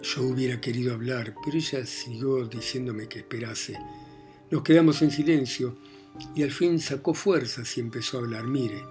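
A man reads a first-person love story aloud with earnest feeling. His voice sits at an ordinary middle pitch. Soft music plays under the narration throughout. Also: fairly even intonation, moderate pace. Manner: earnest, emotional. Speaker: audiobook narrator.

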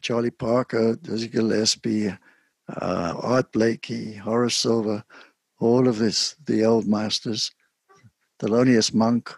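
Older man, from South Africa, husky, soft-spoken, halting, mid pitch, dry close sound. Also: steady tone, no echo. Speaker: guest saxophonist. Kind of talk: casual interview.

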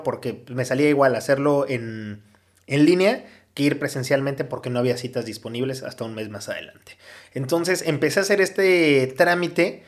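A Mexican man with a Mexican Spanish accent, chatting casually on a podcast and pausing often with fillers. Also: medium pitch. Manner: hesitant, many fillers. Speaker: podcast host.

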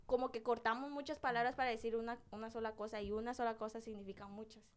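A woman's voice: on the high side, level tone, quick pace, clean tone. A woman from Guatemala with a Guatemalan Spanish accent, chatting casually as a guest about her videos, playful and talkative. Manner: chatty, playful, quotes her own sayings. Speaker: guest, TikTok creator. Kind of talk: casual chat.

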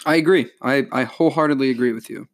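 A man's voice: mid-range voice, quick pace. A man co-hosting a casual podcast chat, reading out folk legends and joking along the way. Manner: joking, animated storytelling. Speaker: podcast co-host.

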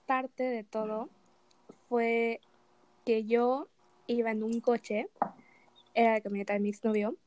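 A woman's voice: on the high side, flat delivery, slow, long pauses, darkish tone, dry recording. A young woman with a Mexican Spanish accent tells a story animatedly in casual chat, acting out the dialogue.

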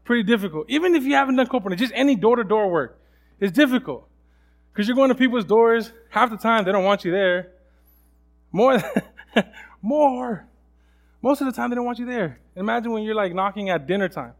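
A man's voice: high-pitched, a little fast. Casual young man preaching a sermon. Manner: casual storytelling, acts out voices of others; many restarts and fillers. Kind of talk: sermon with personal story.

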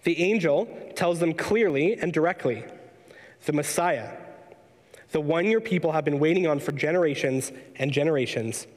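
Man preaching, fairly high voice, measured and explanatory, long hall reverb. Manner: measured, explanatory, slows to read scripture aloud. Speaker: pastor. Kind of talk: sermon.

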